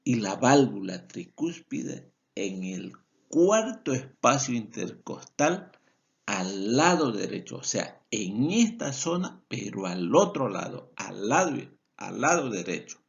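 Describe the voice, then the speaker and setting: Slow, lively Bolivian man lecturing. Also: lowish voice, vocal fry, muffled recording. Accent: Bolivian Spanish. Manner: explanatory, repeats key points, self-corrects. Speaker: veterinary lecturer. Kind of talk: recorded lecture over slides.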